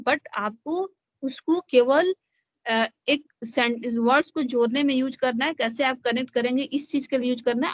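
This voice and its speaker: A woman's voice: on the high side, no room sound. A woman teaching an online class, who mixes Hindi and English and asks and answers her own questions. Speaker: teacher-educator. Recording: dull lo-fi online class audio.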